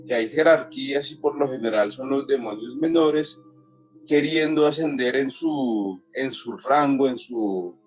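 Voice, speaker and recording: A man's voice: mid-range voice, measured pace, soft background music, poor audio. A man with a Colombian accent telling a personal account on a radio program, earnest and often restarting his sentences. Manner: earnest, restarts and repeats himself while recounting. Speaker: guest telling a true story.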